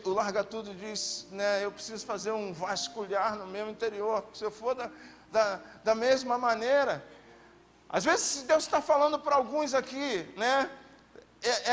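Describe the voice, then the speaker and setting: High-voiced Brazilian man preaching. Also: a bit bright. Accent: Brazilian Portuguese. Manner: impassioned, calls for amens, acts out God's voice. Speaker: pastor. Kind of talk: sermon.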